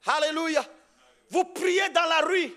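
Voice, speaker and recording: A man preaching as a pastor in a church on a microphone, shouting exhortations and dropping to a low storytelling voice, laughing as he tells his story. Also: slow pace. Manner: laughs while telling the story. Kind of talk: charismatic preaching with testimony. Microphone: handheld or stand mic.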